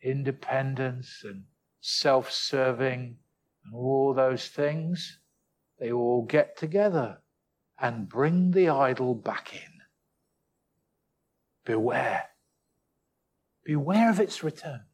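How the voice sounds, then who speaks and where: A man preaching a sermon, earnest and full of rhetorical tag questions, slowing and dropping his voice to stress key words. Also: mid-range voice.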